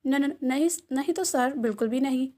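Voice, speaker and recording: A woman's voice: sits high, moderate pace, a little mellow, lightly acted. A woman voicing a nervous young male assistant who stammers and flusters before his boss.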